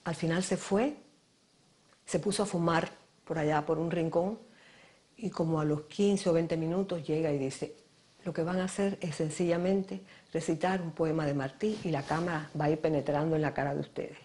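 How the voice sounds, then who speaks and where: A woman's voice: low-pitched, fairly even intonation, normal speed, mellow. A woman, an actress, thoughtfully recalling her work with a director in a documentary interview, sometimes searching for words. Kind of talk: reflective interview recollection.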